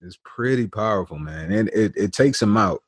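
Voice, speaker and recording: A man's voice: on the low side, animated, moderate pace, husky, no room sound, studio quality. A man co-hosting a podcast, chatting casually about a film with wry jokes. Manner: joking, wry asides. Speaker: podcast co-host. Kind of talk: casual movie-review chat.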